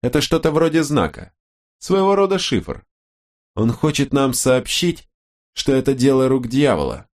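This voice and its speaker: A man voicing a gruff, sarcastic male police detective who grumbles and mocks. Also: mid-range voice, big pitch swings, a little slow, a little mellow, voice pushed up. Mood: mocking.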